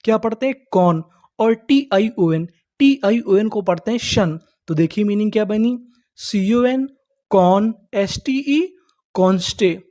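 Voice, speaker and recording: A male teacher gives a patient online reading lesson. He breaks each word into slow syllables and repeats them. He asks the class a question, then answers it himself. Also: sits high, dark tone. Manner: sounds words out slowly, letter by letter.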